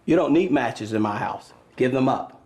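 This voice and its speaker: A man's voice: medium pitch, animated, moderate pace, darkish tone. A middle-aged American man in unscripted reality TV talk, speaking firmly and insistently as a host parent. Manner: firm, insistent.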